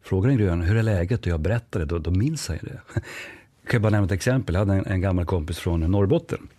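A man's voice: low-pitched, no echo. Livlig man med norrländsk dialekt. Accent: northern Swedish. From northern Sweden. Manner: lively storyteller, acts out dialogue. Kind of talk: podcast conversation.

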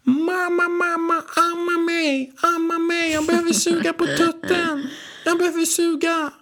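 A man voicing a demanding little boy who cries for milk, in a squeaky high baby voice. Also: level tone, sharp tone, exaggerated voice. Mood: whiny.

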